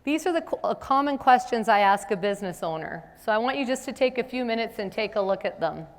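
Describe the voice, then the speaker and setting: A middle-aged woman leads a business seminar, talking with the room in a conversational way and checking in with a quick rhetorical question. Her voice rings with a long reverb, as if caught in a large hall. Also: a little high, lively intonation. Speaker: seminar presenter.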